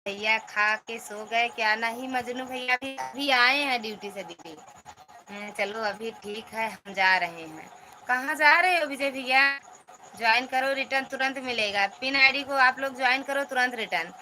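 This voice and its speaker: Woman live-stream host, chatty, high-ish voice, clear background noise. greets viewers one after another. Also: normal speed, sharp tone, rough recording. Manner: chatty, reads out and answers viewer comments. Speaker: livestream host. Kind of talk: casual livestream chat, greeting viewers.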